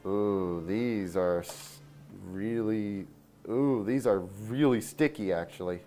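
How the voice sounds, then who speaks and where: Low-voiced man mumbling while he builds. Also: slow, dark tone, faint music behind. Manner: mumbling asides to himself while working. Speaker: host building a model kit on stream. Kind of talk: casual livestream commentary.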